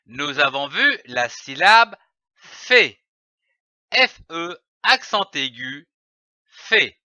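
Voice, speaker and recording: A man gives a phonics lesson for small children at a very slow, careful pace, sounding out each letter and syllable. His voice sits high and moves with a lively, sing-song rise and fall. It is a bright, clear voice, recorded dry with a slightly dull, lo-fi sound. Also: dry recording. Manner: spells out letters and syllables slowly and deliberately. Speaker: reading teacher.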